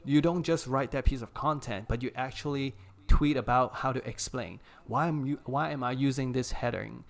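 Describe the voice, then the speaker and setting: A man as a guest on a casual live chat, giving energetic, encouraging advice and laughing often over a remote call. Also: mid-range voice, moderate pace, creaky. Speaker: guest creator coach.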